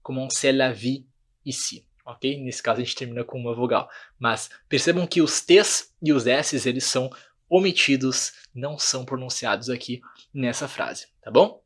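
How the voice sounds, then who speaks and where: A man's voice: mid-range voice, normal speed, breathy edge. A Brazilian man with a Brazilian Portuguese accent teaching an online French lesson, patiently repeating words and checking in with his students. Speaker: language teacher.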